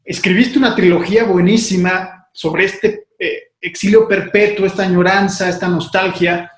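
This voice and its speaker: A man interviewing a writer, speaking with admiration and many hesitant fillers. His voice is fairly high for a man and rings with room echo. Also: steady tone, normal speed. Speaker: interviewer, host. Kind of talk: interview talk.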